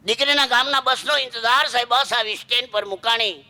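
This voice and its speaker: Brief: woman dayro storyteller, high and piercingly bright, emotional oratory. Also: brisk. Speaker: folk storyteller. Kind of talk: dayro folk storytelling performance.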